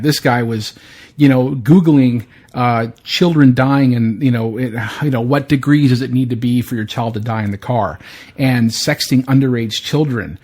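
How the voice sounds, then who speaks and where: A man's voice: medium pitch, a little mellow. Blunt, opinionated man chatting on a podcast. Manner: blunt, opinionated, swears freely, many restarts. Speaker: podcast host. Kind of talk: casual chat.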